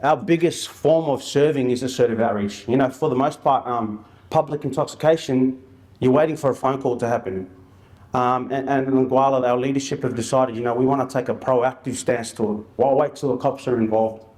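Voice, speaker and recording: A man's voice: medium pitch, steady tone, brisk, darkish tone. A man giving an informal presentation as an outreach worker, telling stories in colloquial, slangy language. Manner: colloquial and anecdotal, with slang and re-enacted dialogue.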